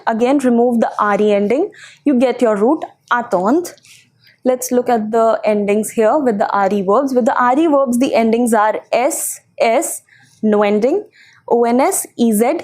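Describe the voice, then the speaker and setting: A woman's voice: a little high, a little mellow. A woman teaching French verbs in an online lesson, explaining step by step with frequent filler sounds. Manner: explains step by step, many filler ums and uhs.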